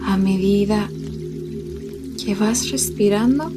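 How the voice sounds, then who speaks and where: A woman guiding a meditation with slow, soft, drawn-out instructions. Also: medium pitch, lightly acted. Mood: calm. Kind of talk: guided meditation. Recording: new-age music loud underneath.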